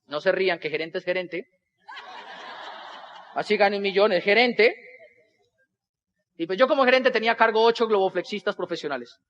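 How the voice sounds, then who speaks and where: A man's voice: sits high, moderate pace, long pauses, muffled recording. A Colombian man telling a humorous life story to an audience, acting out the people in it. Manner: animated, acts out other people's voices in dialogue.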